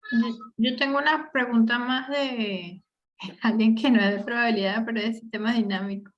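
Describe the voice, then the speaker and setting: A woman's voice: fairly high pitch, moderate pace. A woman moderating a seminar, thanking the speaker and asking tentative questions. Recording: lo-fi video call audio.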